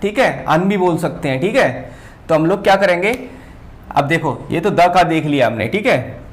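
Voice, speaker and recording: A male teacher giving a whiteboard grammar lesson, pausing and repeating words as he writes. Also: on the high side, expressive. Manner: slow, repeats words while writing, often says "ठीक है".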